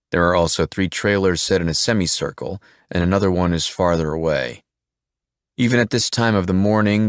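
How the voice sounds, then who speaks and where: A man narrating a thriller audiobook in a steady, measured way. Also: sits low, dry recording, clean studio sound.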